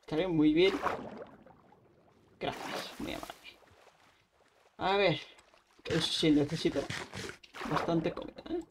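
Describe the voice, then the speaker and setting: Streamer, woman, lowish voice, playful running commentary to herself. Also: takes it slowly, pauses often, noisy background. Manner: chatty, talks to herself and the game, sound effects like "pam". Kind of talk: casual Minecraft let's play.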